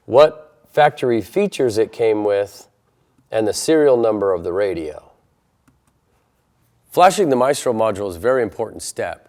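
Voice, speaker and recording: Step by step, a man walks through an installation tutorial in a methodical, plainspoken way. His voice is medium-pitched and a little mellow.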